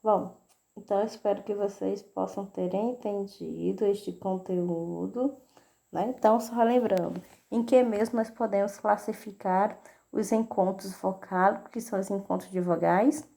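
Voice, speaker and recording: A woman's voice: medium pitch, fairly even intonation, normal speed, vocal fry, dark tone. A woman teacher with a Brazilian Portuguese accent giving a recorded lesson to children, patiently checking in with "né?" and "tá?". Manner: patient, repeats "né?" and "tá?" to check understanding.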